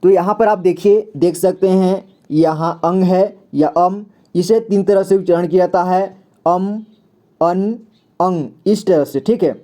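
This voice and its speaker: A young man giving a slow, patient reading lesson, repeating each syllable and checking in often. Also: sits high, warm tone. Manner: repeats syllables slowly, says "ठीक है" often. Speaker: Hindi reading teacher.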